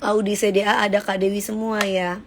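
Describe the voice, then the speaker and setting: A woman's voice: medium pitch, level tone, a little fast, slight background noise. A woman hosting a casual live stream, chatty and teasing, scolding viewers and singing short snippets. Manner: sings short snippets mid-talk. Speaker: livestream host.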